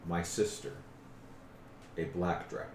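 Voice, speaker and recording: A man voicing a haughty, bargaining female dragon with measured speech, in a tabletop game. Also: low voice, roomy sound, a little hiss or hum. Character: bargaining female dragon speaking telepathically, protective of eggs.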